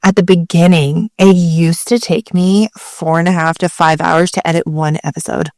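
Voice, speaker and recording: A woman's voice: fairly low pitch, level tone, normal speed, darkish tone, no room sound. Valley Girl woman, casual and very dry-sounding. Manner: Valley Girl way of talking, self-described. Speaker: podcast co-host. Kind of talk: casual podcast chat.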